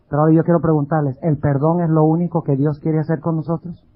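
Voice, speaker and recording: A man's voice: on the high side, narrow, tinny audio. A man preaching a sermon as pastor, speaking emphatically and asking his listeners many rhetorical questions.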